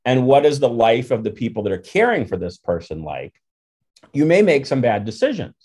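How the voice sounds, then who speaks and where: A man hosting an interview, explaining his points in a measured, thoughtful way. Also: medium pitch, very animated, darkish tone, breathy edge. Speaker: podcast host. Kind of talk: conversational interview.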